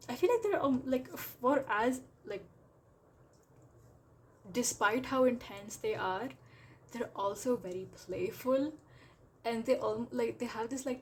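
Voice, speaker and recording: A woman's voice: mid-range voice, a little mellow, slight background noise. A woman giving a casual tarot reading, talking in a rambling, chatty way packed with filler words. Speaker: tarot reader.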